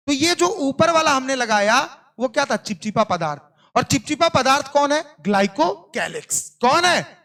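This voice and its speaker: Bright-voiced teacher quizzing his class. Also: very high-pitched. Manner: call-and-response questioning; playful scolding. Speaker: coaching teacher. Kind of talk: classroom lecture.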